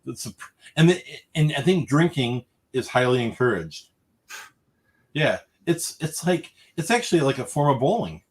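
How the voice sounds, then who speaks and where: A male co-host on a live stock market stream, talking in an easygoing, unhurried way. His voice sits at an ordinary middle pitch. He drops lots of "um"s and lets his sentences fade off softly. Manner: relaxed, many fillers, trails off quietly at sentence ends. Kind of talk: casual livestream market chat.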